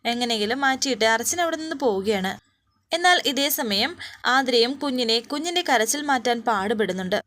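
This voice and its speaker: A woman's voice: fairly high pitch, animated, a little fast, a bit bright. A woman casually retelling a serial story as a storyteller, with small restarts and fillers.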